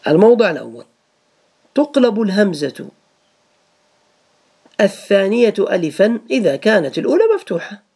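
A man's voice: sits high, sing-song, normal speed, gravelly, long pauses, darkish tone. A man teaching a grammar lesson to students, patiently repeating each rule and asking them questions.

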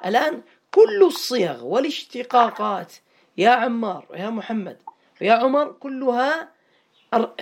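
A man's voice: very high-pitched, fairly bright tone. A man teaching an Arabic grammar lesson online, quizzing students by name and repeating words for them.

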